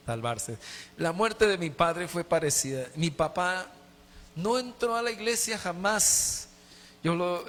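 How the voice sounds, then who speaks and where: Middle-aged Colombian pastor, fairly high-voiced, preaches an emotional testimony that keeps repeating itself, long church reverb. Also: male voice, a bit bright, a little hiss or hum. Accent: Colombian Spanish. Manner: emotional storytelling with heavy repetition. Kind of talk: sermon with personal testimony. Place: church sanctuary.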